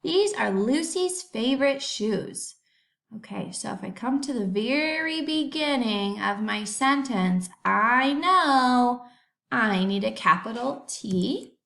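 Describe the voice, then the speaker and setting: Woman teacher doing a remote kindergarten lesson, slow and careful, sounds out every word. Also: on the high side, lively intonation, vocal fry, fairly bright tone. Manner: slow, deliberate, sounding out words for young children.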